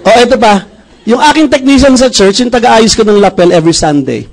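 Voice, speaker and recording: A middle-aged man from Bacolod in the Philippines, a pastor giving a motivational testimony speech, telling stories in a lively way and acting out the dialogue. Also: sits high, a little fast, rough recording. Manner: animated storyteller who acts out dialogue.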